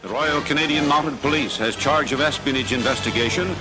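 A man's voice: mid-range voice, fairly quick, poor audio. Old newsreel man over prominent music. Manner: formal, dramatic announcing. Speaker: newsreel narrator. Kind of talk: old 1940s newsreel narration. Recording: old archival newsreel soundtrack.

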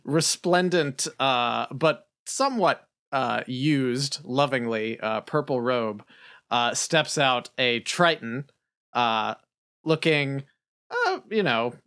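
A woman's voice: rumbling low, lively intonation, takes it slowly, a bit bright. A woman playing a tabletop game, bantering casually and improvising narration.

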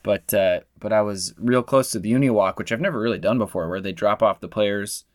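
A man's voice: on the low side, fairly quick, dry recording, studio quality. A man co-hosting a casual sports fan podcast, chatty and enthusiastic. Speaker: podcast co-host.

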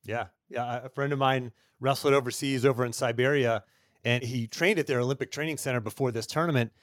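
A man's voice: medium pitch, fairly even intonation, brisk. A male podcast host with a mid-range voice, talking casually and piling up phrases to make a point. His voice sounds dry and close, with no room echo. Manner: conversational, piles up phrases for emphasis.

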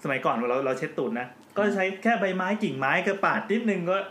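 Guy hosting a podcast, fast and a bit high, jokey, echoey room w faint hiss. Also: a bit bright. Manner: joking, explains at length. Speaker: podcast host. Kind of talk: casual chat. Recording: roomy with faint background noise.

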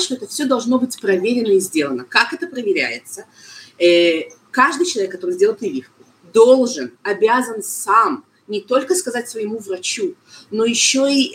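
Halting woman explaining. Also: medium pitch, a bit bright, poor audio. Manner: halting, searches for words, mixes in foreign terms. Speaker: medical expert guest being interviewed. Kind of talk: explanatory interview talk.

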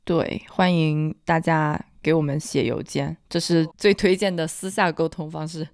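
A woman with a slightly low voice co-hosts a casual podcast. She has a Hunan accent and merges her L and N sounds. The sound is dry and close. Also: fairly even intonation, moderate pace, darkish tone, dry recording. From Hunan, China. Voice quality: mixes up L and N sounds. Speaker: podcast co-host.

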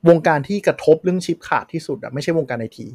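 A man's voice: a little high, racing, a little mellow. A man co-hosting a casual tech podcast, explaining at length with many fillers. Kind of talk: casual chat.

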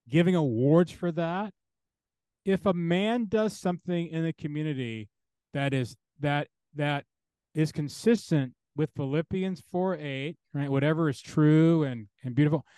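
Brief: male interview guest, theologian, emphatic and insistent, stacks phrases in a row, fairly high voice, dry close sound. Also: unhurried, warm tone, clear, resonant tone, no room sound. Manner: emphatic, builds points through repeated parallel phrases. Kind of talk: earnest interview talk.

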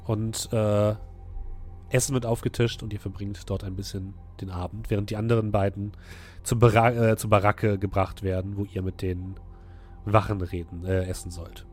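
A man narrating a tabletop fantasy game as game master, telling the story descriptively and haltingly. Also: lowish voice, level tone, a little mellow, soft background music.

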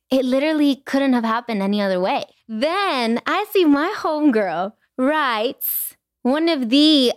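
A young woman hosting a podcast, chatting casually and gushing with warmth, slipping in Spanish phrases. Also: fairly high pitch, no echo, studio quality. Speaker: podcast host. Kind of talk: casual chat.

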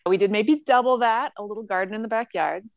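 A woman in her forties from Northern California, a guest chatting casually in an interview, self-deprecating and quick to laugh. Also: medium pitch, gravelly, no room sound. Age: 40s. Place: home with the lights off.

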